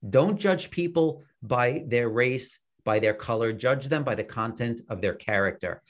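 A male talk show host puts a question to his guest, hesitant and halting, stumbling through filler words as he goes. His voice sits at a medium pitch. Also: expressive. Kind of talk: conversational interview.

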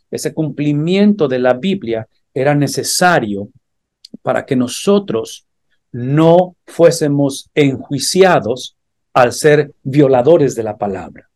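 A man's voice: mid-range voice, a little mellow. A man teaching a church Bible class, earnest and explanatory, building emphasis through repeated phrases. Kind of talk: theological teaching.

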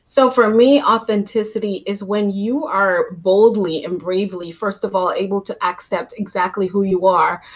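Animated Guyanese-born woman coach, lo-fi call. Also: mid-range voice, moderate pace, hardly any pauses, slightly rough. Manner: animated storytelling with laughs. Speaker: guest, coach and motivational speaker. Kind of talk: conversational interview answers.

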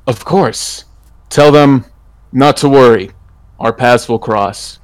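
A man's voice: mid-range voice, takes it slowly, no room sound, lightly acted. A man playing a polite, honourable werewolf traveler in a tabletop game, speaking in a formal, solemn way. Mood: respectful. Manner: formal, deferential. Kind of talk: tabletop role-play character acting.

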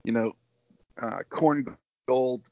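A man's voice: medium pitch, slow pace, vocal fry, dark tone, no room sound. A middle-aged man talking over a video call as an interview guest, telling stories in an enthusiastic, rambling way. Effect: heard over a video call, connection breaking up. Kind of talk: casual interview. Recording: dull, lo-fi video call audio.

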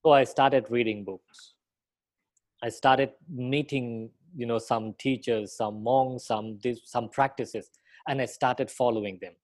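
Guest: middle-aged man from Thailand, reflective storyteller, even mid-range voice. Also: mid-range voice, a little slow. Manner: reflective, recounts with quoted inner thoughts. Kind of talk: conversational storytelling.

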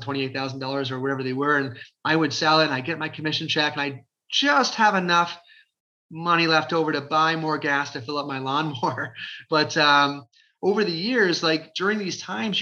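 Man, forties, from Ontario Canada, energetic casual interview talk, lots of fillers, dull lo-fi recording. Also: fairly high pitch. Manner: energetic, chatty, many fillers. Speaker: guest, realtor. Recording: dull lo-fi sound.

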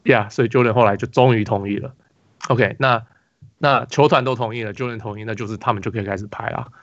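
Fast-talking man with a Taiwanese Mandarin accent. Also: lowish voice, fairly even intonation, no room sound, lo-fi sound. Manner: rambling storytelling with many restarts and fillers. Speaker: podcast host. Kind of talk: casual basketball podcast chat.

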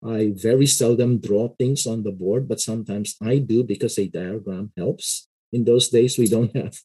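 A middle-aged man, a pastor and seminary lecturer, explaining his views in a casual interview in a measured way, often adding "you know". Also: lowish voice, mellow, breathy edge, low-quality recording.

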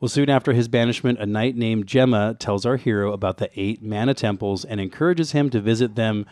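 A man's voice: fairly low pitch, fairly quick, a little mellow, no room sound, clean studio sound. A man co-hosting a casual retro gaming podcast, presenting background notes with wry, joking asides. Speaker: co-host giving game background.

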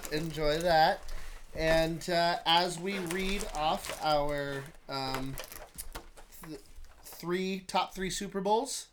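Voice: mid-range voice, extremely slow, pauses often, a bit bright, slight background noise. A podcast host running a sports quiz, teasing the others and laughing often. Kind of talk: casual sports chat.

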